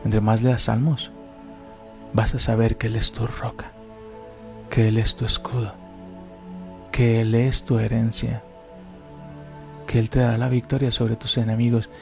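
Man, animated then prayerful. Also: medium pitch, creaky, faint music behind. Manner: animated storytelling, slows into fervent prayer. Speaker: co-host and preacher.

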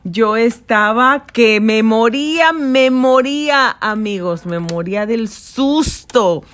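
A middle-aged woman from Mexico telling a personal story, animated and dramatic with many exclamations. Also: on the high side, slow. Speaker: podcast host.

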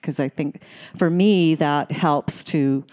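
A woman's voice: sits low, takes it slowly. Chatty woman gym member, hesitant and laughing. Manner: chatty and warm-hearted, with hesitant restarts and easy laughter. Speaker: gym member being interviewed. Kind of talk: casual chat.

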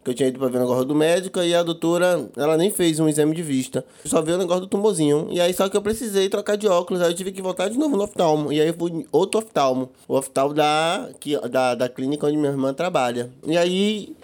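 A man's voice: on the high side, fast talker, hardly any pauses, darkish tone. A man in his thirties with a Bahian accent, a podcast host telling a story casually with lots of swearing and self-mocking laughter. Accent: Bahian Portuguese.

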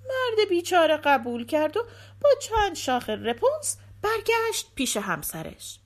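A woman narrating a folk tale for a storybook recording, in an expressive, lilting way. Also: high voice.

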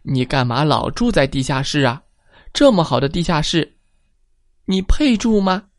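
A woman voicing a pushy mother mouse in a children's bedtime story, loudly making demands. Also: fairly low pitch, sing-song, unhurried, dry recording, clean studio sound, voice pushed up. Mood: demanding. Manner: shouting demands.

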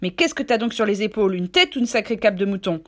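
Long John Silver, a loud blustering pirate innkeeper, as a woman puts him on. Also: mid-range voice, animated, a little fast, lightly acted. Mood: scolding. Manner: loud, gruff, bossy scolding. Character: jovial, blustering one-legged male pirate innkeeper. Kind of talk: storybook reading.

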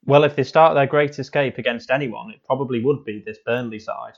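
A man as co-commentator on a spoof football show, with a deadpan, cynical pundit delivery. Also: medium pitch, fairly quick, vocal fry, muffled recording.

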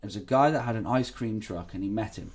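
A man's voice: fairly low pitch, quick pace, darkish tone. Rambling man chatting on a podcast. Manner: rambling, swears freely, breaks into laughs. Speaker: podcast co-host. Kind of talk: casual true-crime podcast chat.

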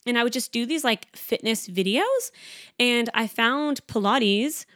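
A young woman in her twenties hosting a casual solo podcast, talking fast and chatty with lots of "like" fillers. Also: on the high side, animated, a bit bright, no room sound, clean studio sound. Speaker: podcast host.

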